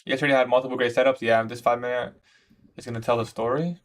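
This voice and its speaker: This man speaks at a quick pace, his medium pitch held to fairly even intonation. A twenty-one-year-old day trader from Iraq, he livestreams his trades with casual, slangy commentary and chat replies, calling viewers "bro."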